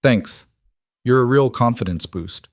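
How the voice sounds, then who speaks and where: A man's voice: medium pitch, measured pace, dry recording, lightly acted. A man voicing a weary young woman waitress with a dry, clipped, sardonic way of talking. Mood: wry.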